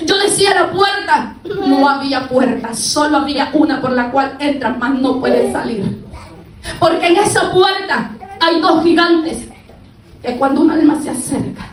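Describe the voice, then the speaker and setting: A woman giving an emotional religious testimony to a congregation, her voice climbing high and tearful as she recounts her cries. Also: roomy sound, far from the mic, a little hiss or hum, poor audio. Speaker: testimony speaker.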